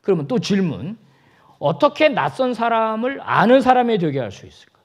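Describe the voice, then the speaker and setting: Male pastor, sermon delivery; higher voice with wide swings, playful, acts out dialogue. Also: normal speed. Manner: animated, jokey, acts out dialogue. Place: church sanctuary.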